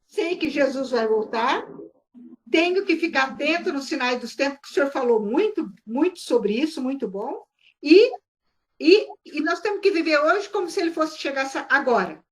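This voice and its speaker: A woman's voice: high voice, lively intonation, moderate pace. A woman taking part in a church class discussion, speaking hesitantly and politely as she sums up the lesson. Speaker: class participant.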